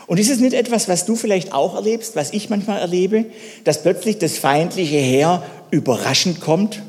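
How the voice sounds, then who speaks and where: A man preaching a sermon, telling a story and putting questions to the listeners, moving between loud and hushed delivery. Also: sits high, normal speed, in a large hall.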